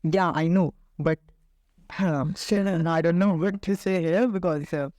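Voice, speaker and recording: A man's voice: fairly high pitch, fairly even intonation, measured pace, darkish tone, no room sound, clean studio sound. A young man with an Indian accent, putting questions as a podcast interviewer in a deferential, somewhat hesitant way. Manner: deferential, hesitant, says "sir" and "you know" often.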